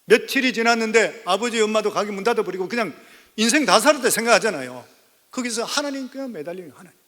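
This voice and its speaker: Bright-voiced pastor preaching in a reverberant church. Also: male voice, high voice, animated, fast. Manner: storytelling sermon, rising to emphatic exhortation. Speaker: senior pastor. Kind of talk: sermon. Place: church sanctuary.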